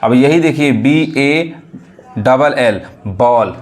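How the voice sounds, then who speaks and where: A man teaching English phonics to beginners in a Hindi accent, asking questions and repeating each word slowly. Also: mid-range voice.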